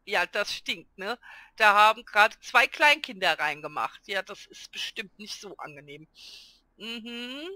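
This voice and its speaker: A woman hosting a let's play, chatting excitedly through her game and talking to her characters. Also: medium pitch, unhurried, no room sound, studio quality. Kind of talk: casual gameplay commentary.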